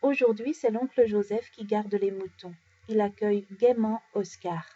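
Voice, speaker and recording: Woman reading a bedtime story, soft dark voice. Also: medium pitch, moderate pace, slight background noise. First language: French. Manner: animated, changes voice for each character. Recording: dull lo-fi recording.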